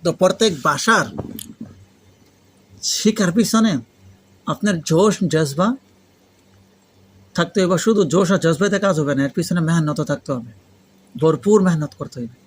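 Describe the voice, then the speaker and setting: Higher-voiced Pakistani man teaching in learner's Bengali. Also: a little slow, long pauses, a little hiss or hum. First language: Urdu. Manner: foreign learner's Bengali, mixed with Urdu phrases; didactic, repeats and prompts with questions. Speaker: Arabic grammar teacher. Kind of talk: interactive lesson, explaining and quizzing students.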